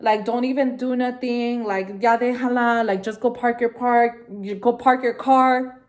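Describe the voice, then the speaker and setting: A woman voicing her calm, worried mother, who pleads with her to let it go. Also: a little high, a little slow, close to an everyday voice. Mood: pleading. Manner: soothing, pleading.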